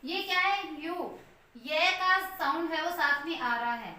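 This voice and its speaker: A woman's voice: very high-pitched, expressive, unhurried, bright, forceful tone, distant mic. A woman teaching English phonetic transcription in Hindi, explaining step by step and spelling words out letter by letter. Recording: echoey room, voice from off mic, faint ambience.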